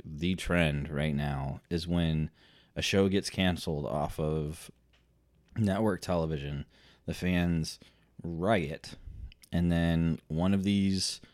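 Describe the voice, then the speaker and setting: A man's voice: low-pitched, dry recording. A man co-hosting a casual podcast chat, laughing often and restarting his sentences. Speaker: podcast co-host.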